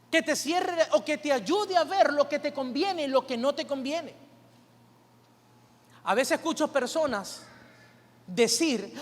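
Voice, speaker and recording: A male pastor preaching a sermon, asking the congregation rhetorical questions and calling for their responses. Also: very high voice. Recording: long reverb of a church hall.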